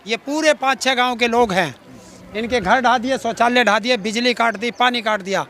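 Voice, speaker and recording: A very high, pushed and bright voice at normal speed belongs to a middle-aged farmer activist from Uttar Pradesh, India. In an outspoken street interview he is sarcastic and combative, full of rhetorical challenges. Slight background noise comes from a faint crowd in the outdoor public space.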